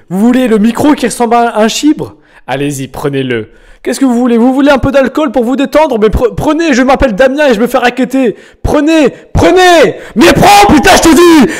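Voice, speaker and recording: A young male streamer from France, high-voiced and joking, reacts to viewers' music in a casual live-stream chat. He's slangy and teasing and breaks into loud outbursts.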